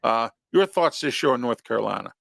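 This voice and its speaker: Host, man in his fifties, gravelly voice, dry close sound, loose rambling delivery. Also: medium pitch, lively intonation, brisk, fairly bright tone, dry recording. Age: 50s. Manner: rambling, many "uh" fillers. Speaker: sports talk show host. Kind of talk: casual sports talk.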